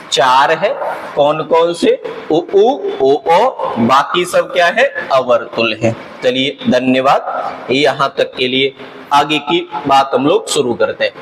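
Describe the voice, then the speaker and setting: A man's voice: fairly high pitch, a bit bright, slight background noise, rough recording. A man teaching an exam-prep grammar lesson, explaining patiently and asking and answering his own questions.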